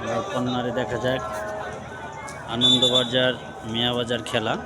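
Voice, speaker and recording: A man's voice: medium pitch, completely flat delivery, moderate pace. A man giving informal running commentary from beside an outdoor village football match. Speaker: amateur match videographer and commentator. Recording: very noisy outdoor recording, loud crowd.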